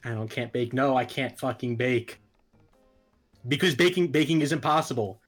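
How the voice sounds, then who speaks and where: A man's voice: medium pitch, fairly even intonation, normal speed, faint music behind. A man co-hosting a casual chat who swears freely and makes fun of himself. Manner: swears freely, self-mocking. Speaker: podcast co-host.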